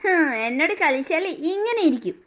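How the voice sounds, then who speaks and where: This is a smug, scheming aunt from a cartoon story who sneers at the family she dislikes, as a woman voices her. Her voice sits very high, and her delivery is sarcastic. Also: animated, brisk, a bit bright. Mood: sneering. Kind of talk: cartoon voice acting.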